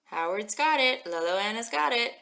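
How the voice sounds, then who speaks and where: A woman's voice: fairly high pitch, animated, moderate pace, gravelly, sharp tone. Upbeat woman teaching a live Hebrew class. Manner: upbeat, encouraging, greets viewers by name. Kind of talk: live-streamed language lesson. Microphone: phone live stream.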